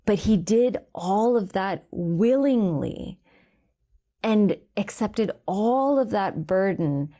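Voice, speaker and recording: Speaking as a guest, this woman from Canada, in her thirties, shares an earnest faith testimony and slows to emphasize the words she cares about. She sounds animated and warm at a medium pitch.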